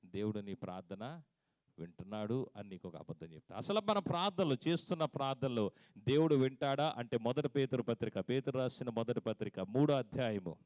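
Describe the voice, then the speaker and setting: A man preaching a sermon to his congregation, his pitch leaping high and dropping low as he moves from loud, emphatic scripture lines to soft asides. He keeps asking his listeners questions directly. The sound is dry and close, with no room echo. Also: lively intonation, a little fast. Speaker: pastor.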